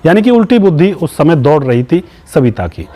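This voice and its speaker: Male channel host, somewhat high voice, narrates a true crime case straight to the audience, keeps calling them friends and moralizes. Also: sing-song, fairly quick, dark tone. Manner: keeps addressing viewers as friends; moralizing, asks viewers for opinions. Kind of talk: retelling a true crime story to viewers.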